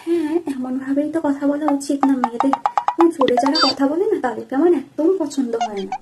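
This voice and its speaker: A woman playing a young bride and wife in a comedy skit, with an exaggerated, lively delivery. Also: sits high, fast talker, close to an everyday voice. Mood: demure. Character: young bride, soft-spoken then shrill nagging wife. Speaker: comic actor. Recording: loud background music.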